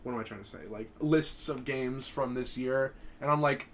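Chill young dude on a podcast, says like a lot, easygoing, faint hiss in the back. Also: male voice, mid-range voice, normal speed. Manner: relaxed, filler-heavy, laughs easily. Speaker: podcast co-host. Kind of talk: casual chat.

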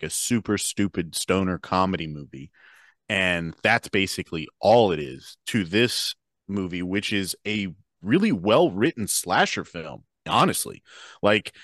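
A man's voice: lowish voice, a bit bright, no echo, clean studio sound. A man co-hosting a podcast, opinionated and loose with swearing as he talks about films. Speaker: podcast co-host. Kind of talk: casual film review chat.

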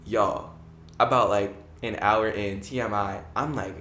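A young man hosting a podcast, telling a story in a casual, animated way, laughing often and swearing freely. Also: lowish voice, measured pace, slight background noise. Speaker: podcast host. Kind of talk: casual chat. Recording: echoey room.

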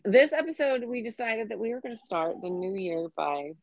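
A woman's voice: fairly high pitch, lively intonation, moderate pace, no room sound, rough recording. A woman in her forties co-hosting a podcast in casual chat, talking freely with fillers and easy laughs. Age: 40s. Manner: chatty, laughs easily, many fillers. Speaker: podcast co-host.

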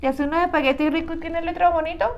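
A young woman co-hosting a casual chat show, outspoken and animated, talking straight to her audience. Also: very high-pitched, very fast, muffled recording, a little hiss or hum. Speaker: co-host.

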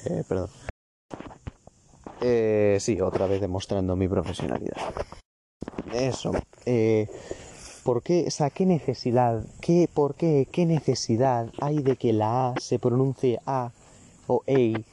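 A man's voice: mid-range voice, takes it slowly, pauses often, noisy background. A seventeen-year-old man, ranting profanely and self-mockingly in a casual podcast-style monologue, recorded outdoors in a garden. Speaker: vlogger.

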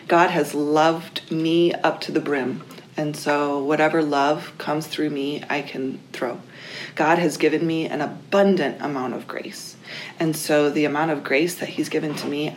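A woman with a notably low voice speaks earnestly and deliberately, giving personal testimony in an interview. Faint noise and ambience sit behind her. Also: creaky, low-quality recording.

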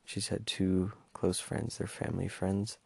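A man's voice: low voice, flat delivery, unhurried, gravelly, slightly rough, no echo. A young man talking in a casual personal monologue, hesitant and stumbling over his words with many fillers. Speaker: podcast host.

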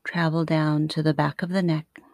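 A woman guiding a sleep meditation like a sleep story narrator, soothing and unhurried, with long pauses between short phrases. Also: low-pitched, little pitch movement, a little mellow, dry recording. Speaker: yoga nidra meditation teacher.

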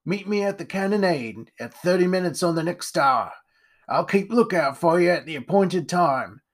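A man voicing a gruff, scarred old male captain who talks in old seafaring dialect with a growling manner. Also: high voice, lively intonation, moderate pace.

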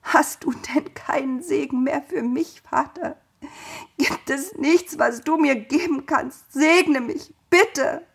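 A woman's voice: sits high, slow pace, creaky, pitched above the performer's own voice, exaggerated voice. A woman doing a desperate weeping young hunter. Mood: pleading. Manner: loud, pleading, emotional. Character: grown elder son, a hunter, desperate and weeping.

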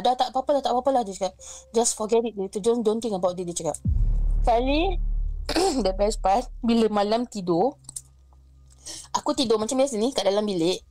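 Higher-pitched woman telling a story. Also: no room sound. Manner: lively, acts out the other people's lines, mixes in English phrases. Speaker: guest sharing a ghost story. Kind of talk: casual storytelling.

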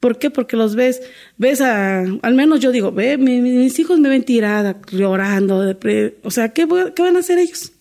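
A woman's voice: fairly high pitch, expressive, moderate pace, darkish tone. A middle-aged woman, a domestic worker telling her life story in an interview, earnest and full of restarts. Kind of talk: candid interview conversation.

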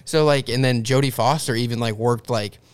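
A man's voice: medium pitch, steady tone, normal speed, smooth, no echo. A man co-hosting a podcast, chatting casually about a film and filling his sentences with "like.". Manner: casual, heavy use of "like". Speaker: podcast co-host.

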